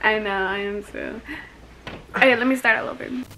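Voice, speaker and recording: A woman's voice: mid-range voice, fairly even intonation, brisk, pushed and bright, slight background noise. A young woman vlogging casually from a car, giggly and rambling, with a slight lisp from retainers. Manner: giggly, rambling with many likes. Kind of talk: casual vlog chat.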